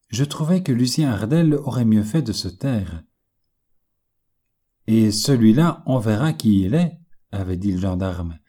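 A man narrating a novel in the first person, with measured, literary storytelling. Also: on the low side, warm tone, husky. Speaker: audiobook narrator.

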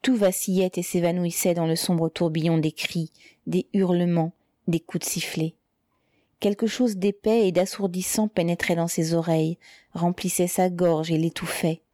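Mellow-voiced woman narrating a novel. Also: fairly low pitch, dry recording, studio quality. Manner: steady, measured literary reading. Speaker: audiobook narrator. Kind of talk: scripted narration.

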